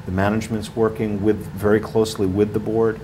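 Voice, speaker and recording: The guest, a ski area marketing director in his forties, has a fairly low voice and a brisk delivery. Inside a small TV studio he wanders through his answers with many fillers and restarts, rising in volume when animated; the audio is poor quality with a little background noise.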